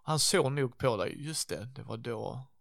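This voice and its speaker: A man playing a character in a role-play game, telling animated, swear-filled stories about the old days. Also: medium pitch, vocal fry, dry recording, clean studio sound. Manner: animated storytelling, lots of swearing. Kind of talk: in-character reminiscing chat.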